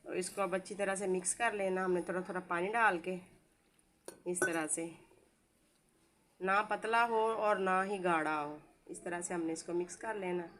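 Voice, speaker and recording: A woman's voice: lowish voice, steady tone, normal speed, fairly bright tone, slight background noise. Chatty homely Pakistani woman cooking. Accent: Pakistani Urdu, village Saraiki-like dialect. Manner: chatty, homely, rambling asides. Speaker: home cooking vlogger. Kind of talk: casual cooking tutorial chat.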